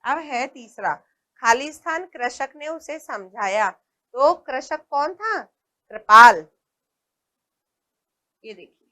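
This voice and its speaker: Bright-voiced woman teaching slowly. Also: high-pitched, expressive. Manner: patient, explains slowly and asks questions; points at the book as she talks. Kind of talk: primary school lesson.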